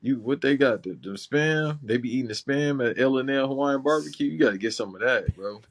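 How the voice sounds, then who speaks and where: A man's voice: medium pitch, a little fast. A man from Los Angeles co-hosting a casual chat show, talking loose and slangy with lots of restarts. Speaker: podcast co-host.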